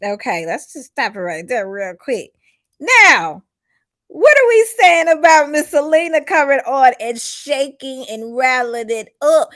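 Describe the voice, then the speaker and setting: A woman's voice: sits high, measured pace. A woman from Mississippi, hosting a casual gossip livestream and talking straight to her viewers. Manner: animated, laughs often, drawls and talks to viewers. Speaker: host of a gossip show.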